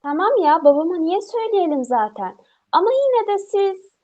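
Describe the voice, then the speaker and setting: A woman's voice: very high-pitched, big pitch swings, normal speed, warm tone. A woman playing a familiar, chatty younger sister in a radio drama. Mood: concerned. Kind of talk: Turkish radio theatre acting. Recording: slightly dull, lo-fi sound.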